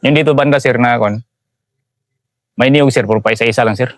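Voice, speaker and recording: A man's voice: mid-range voice, brisk, dry recording, clean studio sound. A Filipino man, a soldier, recounting a combat ambush in an interview, respectfully adding "sir" to nearly every phrase. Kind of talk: interview storytelling.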